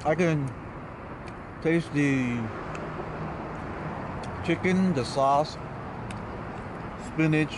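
A man tasting food for a vlog, talking with his mouth full in a slow, halting way. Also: on the high side. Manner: slow, halting, plain commentary. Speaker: food vlogger. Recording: noisy outdoor street sound.

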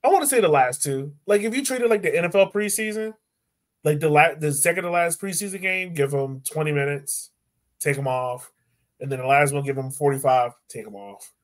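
A man in his thirties co-hosts a casual soccer podcast chat over a video call from home, heard through the call's microphone. His voice is a little high and he talks a little fast.

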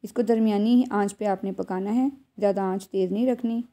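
In this step-by-step cooking voice-over, a Pakistani-accented home cook talks straight to her viewers with clear instructions. She has a mid-range, dark-toned voice, steady in tone and fairly quick in pace.

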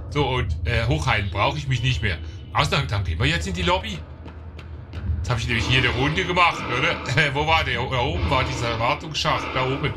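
A man narrating his own gameplay in a chatty, casual way, talking straight to his viewers. His voice sits at an ordinary pitch, and clear game music plays under it. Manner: chatty, talks to viewers, gets excited in fights. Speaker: let's play gamer.

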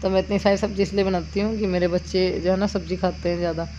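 A chatty woman with a lowish voice talks through her cooking in a village kitchen, explaining each step in a homely way. The sound is dull and lo-fi, and crickets and insects chirp clearly behind her. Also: fairly even intonation, quick pace, warm tone. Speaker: village vlogger. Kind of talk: cooking vlog narration. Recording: dull lo-fi sound with outdoor noise.

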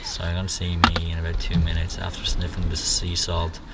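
A man on a road trip, talking slowly and deadpan to the camera. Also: sits low, very noisy. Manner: slow, deadpan, swears casually. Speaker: travel companion. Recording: distant voice under loud music.

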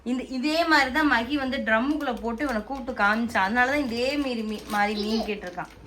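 A woman's voice: a little high, fast, a bit bright. A woman chatting casually at home as a vlogging mother, explaining things and talking fondly to her child. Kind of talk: casual family chat. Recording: noisy home recording.

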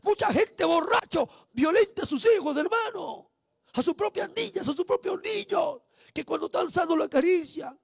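Peruvian man, fiery evangelistic preacher, very high shouting voice, gravelly, repetitive praise exclamations. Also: expressive, normal speed, no room sound, clean studio sound. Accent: Peruvian Spanish. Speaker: street preacher.

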